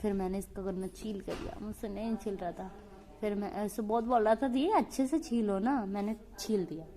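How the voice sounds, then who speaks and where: A woman's voice: mid-range voice, steady tone, fairly quick, warm tone. A young woman vlogging in a casual, chatty way, retelling family exchanges while walking outdoors on a village farm path. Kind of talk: casual vlog narration.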